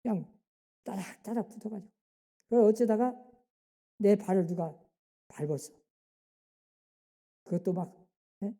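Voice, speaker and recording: A woman pastor preaching a sermon, driving her points home with rhetorical questions and quick interjections to the congregation. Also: mid-range voice, dark tone. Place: church sanctuary. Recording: long hall reverb in a church.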